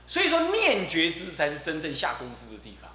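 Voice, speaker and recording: A middle-aged man, giving a Buddhist dharma talk as abbot and telling stories in a lively way, often repeating his fillers. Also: on the high side, a little fast. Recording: roomy echo with faint hum.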